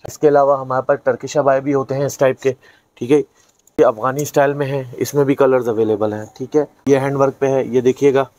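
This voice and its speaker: Brisk male shopkeeper, middle pitch. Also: level tone, a little mellow, dry recording, rough recording. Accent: Pakistani Urdu. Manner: brisk, keeps adding "theek hai". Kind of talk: sales pitch to camera.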